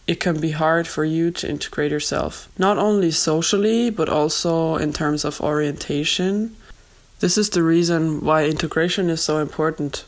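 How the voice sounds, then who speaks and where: A woman hosting a podcast on a low-quality makeshift recording. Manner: earnest, steady, explanatory. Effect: low-quality makeshift recording without proper equipment. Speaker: podcast host. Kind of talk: podcast monologue, personal advice.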